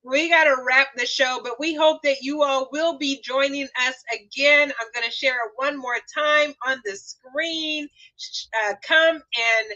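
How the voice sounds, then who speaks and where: Bright-voiced woman hosting a live stream. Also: sits high, steady tone, unhurried, no echo, dull audio. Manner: upbeat, promotional, warm thanks to guests. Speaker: host and founder of the show. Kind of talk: livestream talk show hosting.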